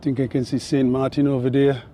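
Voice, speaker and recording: Brief: winded man, mellow voice, brisk vlog host talking to folks outdoors on a climb. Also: mid-range voice, flat delivery. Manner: brisk, addresses viewers as folks. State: out of breath from climbing. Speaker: tour guide vlogger. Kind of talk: casual travel vlog narration. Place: outdoors on a hillside.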